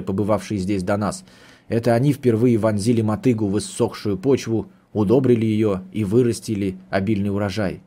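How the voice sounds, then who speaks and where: A man narrates a novel aloud in the first person, the way an audiobook reader would. His voice sits at an ordinary male pitch with a dark, mellow timbre. He keeps the delivery measured and steady from line to line. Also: husky.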